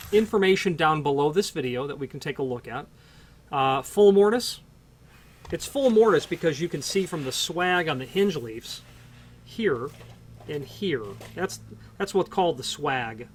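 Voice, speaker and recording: A man's voice: fairly high pitch, lively intonation, unhurried, pauses often, slight background noise. Man rambling through a hardware explanation. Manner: explanatory, rambling with frequent restarts and fillers. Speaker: hardware product presenter. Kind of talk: unscripted product explanation.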